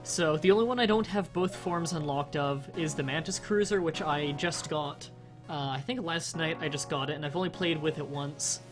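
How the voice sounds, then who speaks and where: Over music, a slightly sick young man with a nasal, higher-pitched voice talks at a moderate pace in casual let's-play commentary. He rambles while explaining the game's mechanics, full of fillers and restarts.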